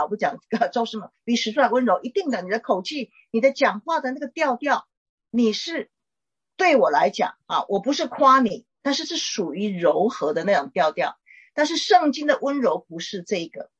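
A middle-aged woman, a pastor's wife, gently teaching and counseling a caller in a chatty way with small laughs. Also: fairly high pitch, husky, dull audio. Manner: warm conversational teaching, frequent "哈" tags and laughs.

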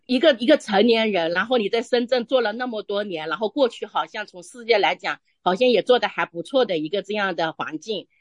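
A woman telling a personal faith testimony in conversation, earnest and halting, restarting her phrases often. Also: mid-range voice, no echo. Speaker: church member sharing testimony.

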